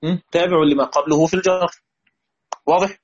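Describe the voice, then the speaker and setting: A man with an Egyptian accent teaching Quran readings, often repeating phrases and asking his students if it is clear. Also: fairly high pitch, fairly even intonation, brisk, slight background noise. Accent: Egyptian Arabic. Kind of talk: lesson. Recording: dull lo-fi recording.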